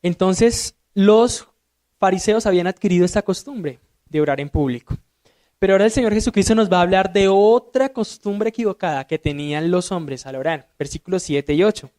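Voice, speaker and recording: Deacon guy teaching sunday school, high voice, emphatic, keeps asking the class right?. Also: fairly quick, darkish tone. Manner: emphatic, asks listeners rhetorical questions. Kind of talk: Bible teaching.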